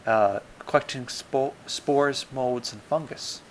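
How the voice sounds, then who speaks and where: A man's voice: mid-range voice, takes it slowly. A polite, fumbling male interviewer. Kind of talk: improvised comedy sketch.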